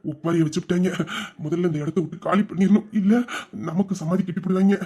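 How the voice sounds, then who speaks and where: A man's voice: sits high, fairly even intonation, a little fast, dark tone, husky. A man performing a comic sketch, full of sarcastic and grumbling asides.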